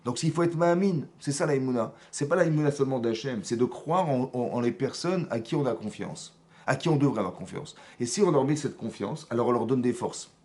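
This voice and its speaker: A man's voice: medium pitch, fairly quick. A man, a rabbi, giving a Torah lesson in a synagogue, repeating himself and often asking whether his listeners understand. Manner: animated, repetitive teaching with checks for understanding.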